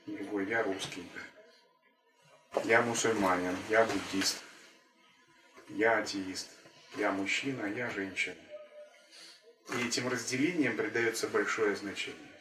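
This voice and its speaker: In a calm, measured spiritual talk, a male teacher keeps coming back to the same phrases. His pitch is ordinary, and the recording sounds roomy and a little distant from the mic.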